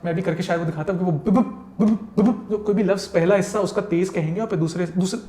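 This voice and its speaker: A man's voice: high-pitched, fairly even intonation, rapid-fire, warm tone. A man, a guest critic giving long, detailed explanations and slipping into English mid-sentence. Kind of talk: conversational explanation. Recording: roomy echo.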